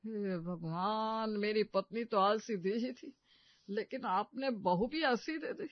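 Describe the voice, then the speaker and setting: A woman's voice: on the high side, animated, unhurried, dry recording. A woman voicing a flustered middle-aged father-in-law in a cartoon story, anxious and exasperated. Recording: dull dry recording.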